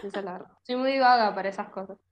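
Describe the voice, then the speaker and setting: A woman with an Argentine accent, a podcast guest chatting in a lively, joking way. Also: mid-range voice, very fast. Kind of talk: casual chat.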